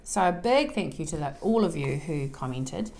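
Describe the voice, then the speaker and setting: A woman's voice: low voice, lively intonation, moderate pace, darkish tone. A woman from New Zealand's South Island with a broad Kiwi accent, co-hosting a podcast in casual, chatty, informal talk. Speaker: co-host of a knitting and crafting podcast. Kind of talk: casual unscripted co-host chat.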